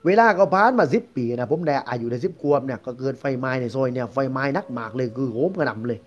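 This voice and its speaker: A man's voice: medium pitch, expressive, fast talker. A man with a Southern Thai accent telling a ghost story in a chatty, rambling, conversational way. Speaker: guest storyteller. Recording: dull lo-fi recording.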